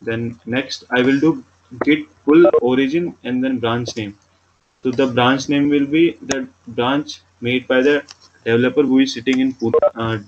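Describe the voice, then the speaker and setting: Indian guy explaining a coding tutorial step by step, pretty monotone, muffled mic w/ faint noise. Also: medium pitch. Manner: repetitive, simple step-by-step explaining. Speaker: programming instructor. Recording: dull lo-fi mic with background noise.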